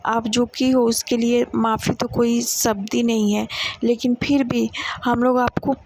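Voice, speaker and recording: A woman storyteller voicing grown-up wronged children, giving a measured, forgiving reproach. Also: a little high, little pitch movement, noisy background. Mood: reproachful, forgiving. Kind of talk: informal storytelling.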